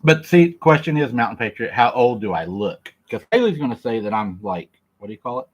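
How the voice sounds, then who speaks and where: A man's voice: medium pitch, very animated, a little fast, breathy edge. A man hosting a casual livestream, joking, laughing and reading viewer comments aloud as he eats. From Oklahoma. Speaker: livestream host. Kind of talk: casual livestream chat while eating.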